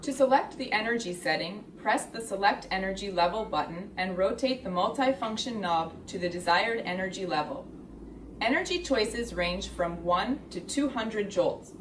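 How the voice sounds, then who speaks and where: A woman reading a scripted product tutorial in a measured, step-by-step explanatory way. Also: medium pitch, animated. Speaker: instructional video narrator. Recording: roomy, distant, clearly noisy recording.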